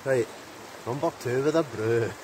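A man's voice: medium pitch, measured pace. A Scottish man in his forties, chatting to camera and thinking aloud as he cooks at a riverside camp. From Scotland. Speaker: outdoor vlogger. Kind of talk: casual chat to camera. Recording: outdoor recording with river noise. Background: flowing river.

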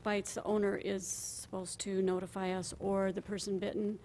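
A woman's voice: medium pitch, flat delivery, moderate pace, a little mellow, a little hiss or hum. A middle-aged woman from animal control answering a council's questions in a plain, explanatory way, with filler sounds. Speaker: animal control staff member. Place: council chamber, indoors. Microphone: standing microphone at a distance.

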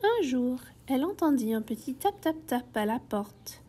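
A woman reading a children's storybook aloud in a gentle, expressive way. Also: sits high, normal speed, breathy edge.

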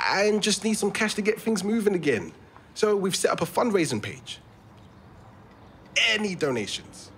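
In a naturalistic audio drama for a fiction podcast, a young adult male actor from London, England plays an eager, earnest young London theatre actor who is overenthusiastic and stumbles over his words in a London accent. His voice is on the high side and a bit bright, with faint ambient background noise.

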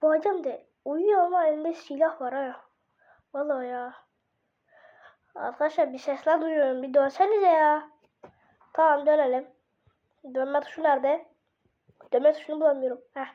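A woman doing casual gaming role-play, voicing baby characters in excitable, slangy banter with herself. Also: high voice. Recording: dull lo-fi mic.

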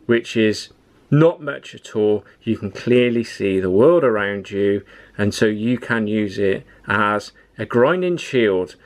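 A man, giving a casual, practical tool review from his home workshop. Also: on the low side. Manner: plain-spoken, practical, advice-giving. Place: home workshop with tools on the wall.

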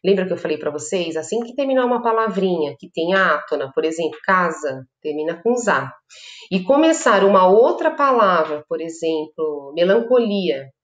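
A woman's voice: lowish voice, lively intonation, moderate pace. A Brazilian woman teaching a literature class, explaining patiently and often checking in with her students. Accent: Brazilian Portuguese. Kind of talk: online class lecture. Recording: echoey room.

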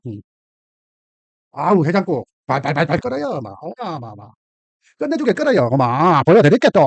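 Middle-aged gyeongsang guy cooking at home, chatty, kinda high voice, dull dry lo-fi sound. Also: a little mellow, no room sound. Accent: Gyeongsang Korean. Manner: chatty, exclaiming, laughing often, talking to viewers. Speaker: cooking channel host. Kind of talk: casual cooking vlog chat.

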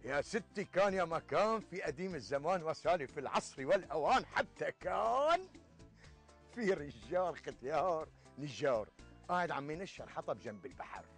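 A man's voice: on the high side, sing-song, normal speed, faint music behind. An actor in his sixties playing an older Syrian village man, telling an Arabic folk tale with a moral in colloquial storyteller phrasing. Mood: storytelling. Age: 60s. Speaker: actor in a TV sketch. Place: outdoors in a leafy garden.

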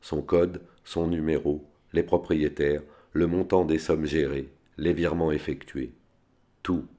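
A composed spy who speaks coldly and without hurry, as a man reads his lines. His voice sits very deep, steady and measured. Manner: cold, measured. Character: cold, composed male spy prince interrogator.

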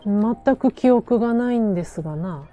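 A woman's voice: on the high side, expressive, moderate pace, dark tone. A woman streaming a game, chatting casually and playfully to herself in a western Japanese Chugoku dialect. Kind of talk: casual game-play chat. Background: game music.

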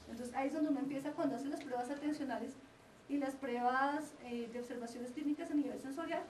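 Woman, lecturer, high voice, quick delivery, explanatory, roomy sound from afar. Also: a little mellow, slight background noise. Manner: explanatory, often checks in with the audience. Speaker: lecturer on child development. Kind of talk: lecture to parents and teachers. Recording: roomy lecture recording from a distance.

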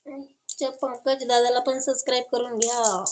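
Woman, from Maharashtra, live streamer, casual chat, high voice, reads comments aloud, affectionate replies. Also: steady tone, moderate pace, slight background noise.

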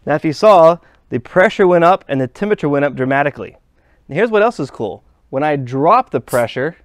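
An HVAC instructor, a man with a slightly high voice, walks through a hands-on trade lesson at a workshop bench, plainly explaining each step as he handles parts. The recording has no room sound.

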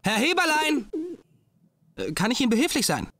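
A man's voice: very high voice, huge pitch swings, normal speed, bright, forceful tone, slight background noise, exaggerated voice. An actor voicing a polite, eager teenage boy detective in a video game. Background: game music.

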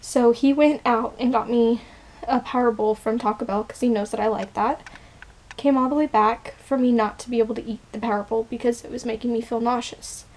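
The recording is rough, and her fairly high, slightly mellow voice runs a little fast with fairly even intonation. A young woman in her twenties, sick and shaky, she rambles through a casual personal vlog with many fillers and restarts, filmed close up on a built-in camera mic in a small bedroom.

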